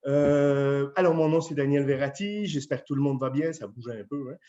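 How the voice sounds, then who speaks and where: A man with a French accent, a chef talking casually and warmly to residents, with many fillers. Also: medium pitch, moderate pace. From France. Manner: chatty, friendly, with many fillers. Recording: dull lo-fi video sound.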